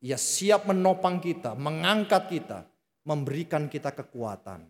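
A man's voice: a little high, expressive, a little slow. A man preaching a sermon, telling stories and addressing the congregation directly. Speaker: pastor. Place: church hall. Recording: long reverb of a large hall.

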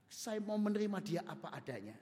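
A man's voice: high voice, very animated, brisk, warm tone, pitched above the performer's own voice. A man preaching in a hall voicing a devout wife who earnestly pleads with a judge and says she forgives her husband. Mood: pleading.

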